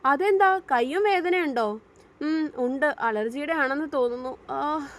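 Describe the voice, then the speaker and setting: A woman's voice: high voice, measured pace. A woman voicing a sulky, cheeky young wife in an audio story, with pouty, sarcastic remarks.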